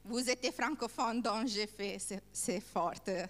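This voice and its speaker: Slow-speaking woman trainer in an echoey hall. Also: a little high, a bit bright. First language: not French. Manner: halting, searching for words in non-native French. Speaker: workshop trainer. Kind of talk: informal workshop presentation with questions to participants. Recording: echoey hall with long reverb.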